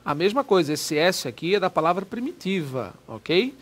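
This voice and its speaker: Male grammar teacher, high voice, chatty drill style, close mic, casual video lesson. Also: moderate pace. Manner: lively, chatty, drills words by repeating them. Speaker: Portuguese teacher. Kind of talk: recorded online grammar lesson.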